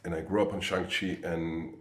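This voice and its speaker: A middle-aged man from Croatia, a comic artist speaking casually to camera from his studio, with halting speech and many fillers. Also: low-pitched, level tone, a bit bright, reverberant. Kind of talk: casual video message. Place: home studio.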